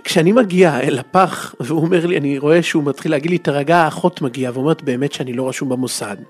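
A man's voice: fairly high pitch, darkish tone, slightly rough, faint music behind. A man telling a comic first-person story in a dramatic way that builds tension.

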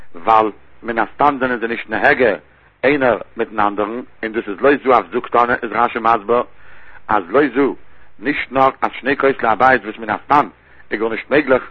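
A man's voice: mid-range voice, husky, no room sound. A man teaching a Talmud lesson in a chanting study singsong, explaining each term. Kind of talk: Yiddish-style Talmud lesson. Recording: dry, tinny phone-like recording.

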